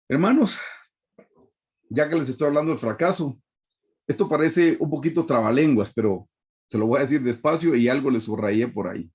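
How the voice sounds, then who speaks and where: A man's voice: mid-range voice, mellow. A man with a Guatemalan Spanish accent, preaching a sermon over a video call, emphatic and repetitive, often addressing listeners as brothers. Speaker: pastor.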